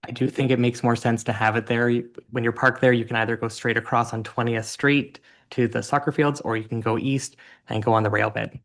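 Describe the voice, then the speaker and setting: A male councillor speaking at a town council meeting, his voice level and flat with little rise or fall. He lays out his view politely, pausing on ums as he goes. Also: medium pitch. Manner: polite, steady, thinks aloud with ums.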